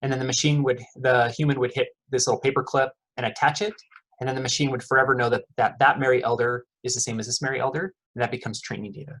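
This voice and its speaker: A middle-aged economics professor gives a casual, friendly, chatty lecture to students, quizzing the audience and using many fillers like "uh" and "okay." His mid-range voice is fast and a bit bright with little pitch movement, and the audio quality is poor.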